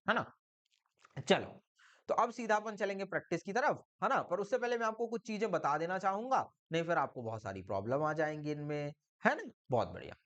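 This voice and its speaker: A man's voice: high voice, highs cut off. A man with a Hindi accent teaching an English grammar lesson, encouraging students and often checking that they follow. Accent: Indian Hindi. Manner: encouraging, repeats "बहुत बढ़िया" and "ठीक है?" often; lively, sing-song teacher delivery.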